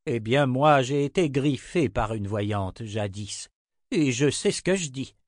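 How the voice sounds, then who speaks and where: An old, worldly sorcerer in a fantasy audiobook, voiced by a male reader, dropping wry asides as he reasons things out. Slow, measured delivery on a dry, close mic. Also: medium pitch, expressive, no echo, lightly acted.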